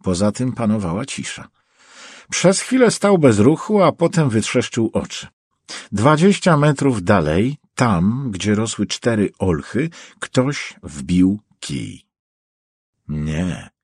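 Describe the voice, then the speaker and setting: A man narrating an audiobook with tense, measured storytelling. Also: fairly low pitch, a little mellow, slightly rough, no echo, studio quality.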